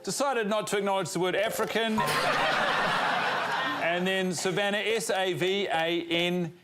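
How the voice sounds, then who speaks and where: A man hosting a comedy panel show, announcing in a mock-formal, deadpan way. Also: high-pitched, a little slow. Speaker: game show host. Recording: loud studio noise.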